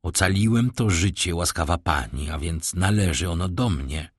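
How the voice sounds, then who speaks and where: A man voicing a composed, commanding middle-aged count in an audiobook, speaking in a calm, measured, authoritative way. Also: low voice, no echo, studio quality, pitched below the performer's own voice.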